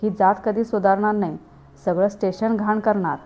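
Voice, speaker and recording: A woman's voice: medium pitch, steady tone, moderate pace, dark tone, faint music behind, close to an everyday voice. A woman reading the lines of a harsh, abusive male police officer in a storybook tale, keeping her own voice. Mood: scolding. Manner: rough, scolding.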